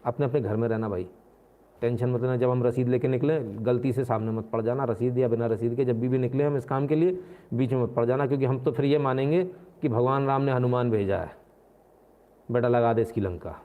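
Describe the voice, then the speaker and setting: A man's voice: medium pitch, fairly even intonation, a little fast. A man hosting a live stream, giving combative, mocking political commentary. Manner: combative and mocking, slips into acted voices. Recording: tinny phone-like sound.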